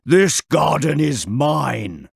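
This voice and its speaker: A man voicing a gruff, selfish male giant in a storybook reading, speaking slowly and heavily. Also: on the high side, big pitch swings, no room sound, studio quality, voice pushed up, heavily acted.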